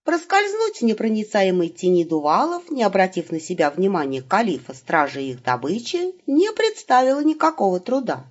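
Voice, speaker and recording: A woman narrating a humorous fantasy audiobook with expressive, ironic delivery. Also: mid-range voice, normal speed, few pauses, lo-fi sound. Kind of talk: scripted narration.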